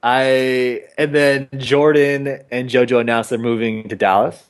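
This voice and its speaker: A man's voice: mid-range voice, fairly even intonation, measured pace, smooth. Laid-back rambling podcast guy. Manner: laid-back, rambling, says "man" and "dude" a lot. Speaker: podcast co-host. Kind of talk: casual chat.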